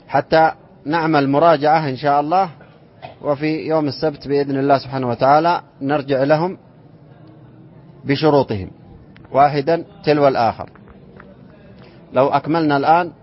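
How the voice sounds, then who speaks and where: A man teaching an Islamic inheritance lesson to students, reciting verse lines slowly and then explaining them and quizzing the class. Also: on the high side. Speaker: sheikh teaching inheritance law. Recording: dull lo-fi classroom recording.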